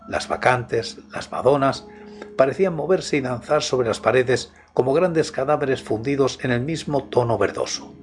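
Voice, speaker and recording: A man narrates scripted horror stories in a hushed, intimate half-voice, as if right in the listener's ear. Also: medium pitch. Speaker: channel host and horror story narrator. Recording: music behind the voice. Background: background music.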